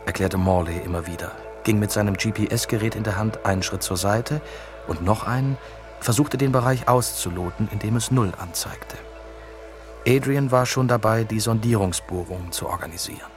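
A man reading an audiobook with steady, even storytelling. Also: fairly low pitch, moderate pace, over music. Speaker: narrator. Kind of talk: scripted audiobook narration.

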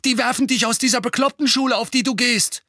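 A man voicing a big, boastful teenage bully who taunts his cousin in a high, loud voice. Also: fairly even intonation, fast talker, no echo, clean studio sound, heavily acted. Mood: taunting.

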